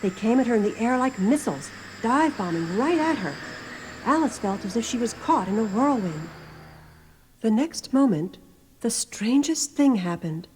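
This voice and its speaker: A woman's voice: on the high side, expressive, normal speed, a little mellow. A woman reading scripted storybook narration on an album. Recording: noisy album recording.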